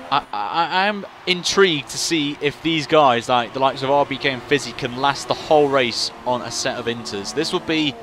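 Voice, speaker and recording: A man's voice: medium pitch, normal speed, hardly any pauses, a bit bright, a little hiss or hum. A man giving live motorsport commentary, thinking aloud about strategy and posing questions as the race runs.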